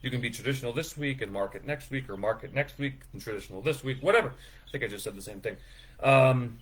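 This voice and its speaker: A man's voice: medium pitch, fast talker, fairly bright tone, breathy edge. A man presenting the season details for his farm in a casual, rambling way, with lots of fillers and self-deprecating asides. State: feeling sick after overeating.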